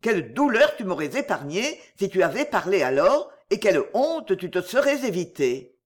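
A reader voicing a forgiving aristocratic husband with a calm, solemn delivery in an audiobook. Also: male voice, high-pitched, moderate pace. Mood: tender. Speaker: count. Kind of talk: audiobook character reading.

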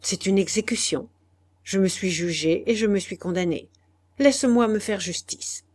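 A woman's voice: mid-range voice, normal speed, darkish tone, close to an everyday voice. A woman voicing a desperate young wife in an audiobook, reading her lines with strong emotion, pleading and harsh by turns. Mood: grim.

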